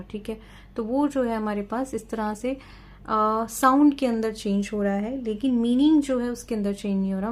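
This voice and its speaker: A woman teacher explaining a lesson step by step, checking in often and reading out definitions slowly. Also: fairly high pitch, darkish tone. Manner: reads English definitions slowly and carefully. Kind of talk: exam-prep lesson.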